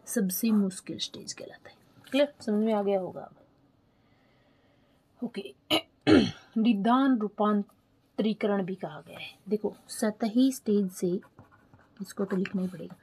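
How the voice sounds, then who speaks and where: A woman teaches an exam lesson in a relaxed, mellow voice with a breathy edge. She goes slowly, says key words twice and keeps asking whether it is clear. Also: mid-range voice. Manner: explains slowly, repeats key terms, asks checking questions; spells terms out letter by letter while writing. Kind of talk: online exam-prep lesson.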